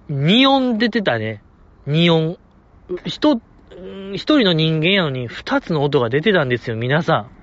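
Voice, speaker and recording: A man with a Kansai accent talks on his own podcast in a fairly high, bouncy voice that swings all over the place. He gushes like an eager fan and slips in little chuckles. The sound is dull and lo-fi. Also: no room sound. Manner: excitable fan gushing, chuckles often. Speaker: podcast host. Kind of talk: casual solo podcast chat. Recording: dull lo-fi audio.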